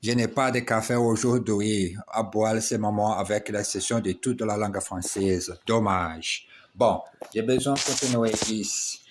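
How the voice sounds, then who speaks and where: A man practicing phrases aloud, repeating each one slowly and adding self-mocking dramatic asides. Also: lowish voice, fairly even intonation, a little hiss or hum. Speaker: language learner.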